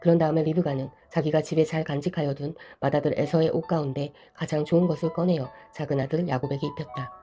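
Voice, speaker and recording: A woman reads scripture aloud in steady narration. Her voice is low and very mellow, and she moves along quickly. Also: lo-fi sound. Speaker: Bible reader.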